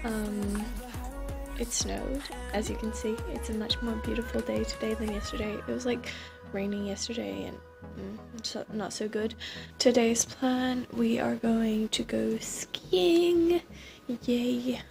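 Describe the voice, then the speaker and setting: A woman's voice: fairly high pitch, steady tone, slow, vocal fry, over music. A young woman vlogging in a casual, chatty way, filling her talk with "like". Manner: chatty, peppered with "like". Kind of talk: casual vlog chat.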